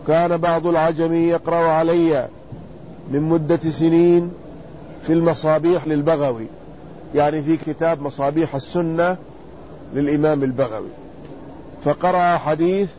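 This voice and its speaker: A man teaching a classical text, reading each passage and then explaining it slowly and deliberately. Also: fairly high pitch, darkish tone, dull audio, slight background noise. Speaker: teacher of hadith sciences.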